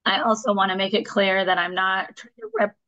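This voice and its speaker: A woman giving a meeting presentation to fellow agents, hoarse because she is losing her voice. She speaks at an average pitch and keeps stopping on ums and restarting her sentences. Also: little pitch movement, fairly quick, bright, forceful tone, muffled recording. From Washington state. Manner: hesitant, many ums and restarts. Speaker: real estate agent presenter.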